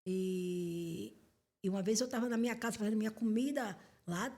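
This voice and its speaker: A middle-aged woman telling a personal testimony as a podcast guest, animated and acting out the dialogue she recalls. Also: medium pitch, normal speed. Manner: animated, acts out quoted dialogue. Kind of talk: testimony storytelling.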